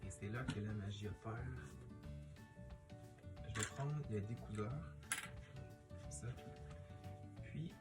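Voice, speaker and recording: A man's voice: on the low side, slow, pauses often, loud music behind the voice. A man with a Quebec French accent giving a casual hands-on tutorial, thinking aloud hesitantly as he works. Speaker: sewing tutorial host.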